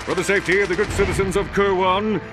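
An actor playing a boastful, cowardly superhero captain in a game cutscene, with a pompous, showy delivery over loud music. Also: male voice, high-pitched, fairly even intonation, fast talker, lightly acted.

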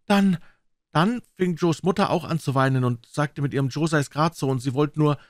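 A man's voice: fairly high pitch, normal speed, no room sound, studio quality, voice pushed up, natural voice. A man voicing an eager boy recounting a tale to his aunt.

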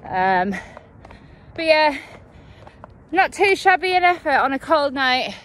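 A woman with a high-pitched, slightly bright voice and measured pace records a casual running vlog outside on a cold night. Holding her phone, she rambles chattily while out of breath from running.

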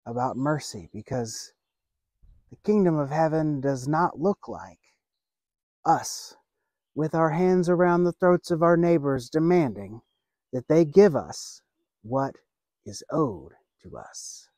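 A pastor in his thirties, sitting by a lake, delivers an earnest outdoor sermon slowly and with long pauses, laying out points in measured phrases. His mellow, warm voice runs on the high side and sounds animated, captured close and dry on a lapel mic without echo.

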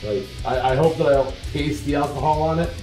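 A man's voice: a little high, fairly quick, warm tone, reverberant, distant mic, soft background music, rough recording. A man in a casual roundtable beer review who talks bluntly and swears freely.

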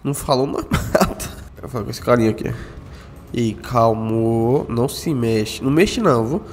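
A man, doing animated game roleplay full of slang and tough-guy banter. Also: mid-range voice, normal speed, a little hiss or hum. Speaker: gamer doing roleplay as a gorilla's son. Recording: reverberant with faint background music.

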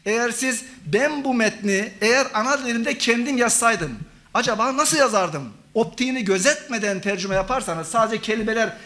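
A man's voice: extremely high pitch, normal speed, bright, forceful tone. A middle-aged man, a professor, giving an academic conference talk, lecturing and listing examples for the audience. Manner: lecturing, addresses audience as friends, lists synonyms. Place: conference hall.

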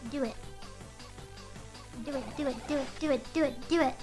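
A woman's voice: sits high, normal speed, over music. A young woman streaming a game in a casual, rambling way, often reading the game's lines aloud in a doting voice. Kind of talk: casual live game commentary.

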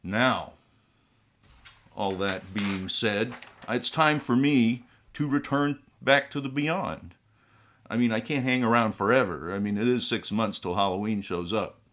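A middle-aged man playing a ghoulish horror host, speaking in a drolly morbid, theatrical, drawn-out manner. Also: on the low side, a bit bright. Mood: theatrically solemn. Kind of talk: comic horror-host monologue to viewers. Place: small indoor room with collectible shelves.

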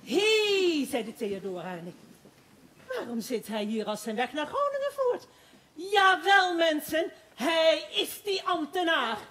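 Woman plays a high, lively, giggling gossip who rambles on breathlessly; amateur stage play with faint noise. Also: measured pace, exaggerated voice. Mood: excited gossip. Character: excitable gossiping woman townsperson.

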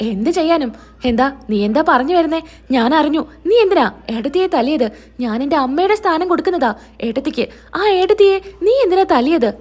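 Woman playing a fired-up young guy sticking up for family, pushy questions, voice stays high and lively. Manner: pressing, indignant questions. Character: protective young man, brother-in-law, hot-headed.

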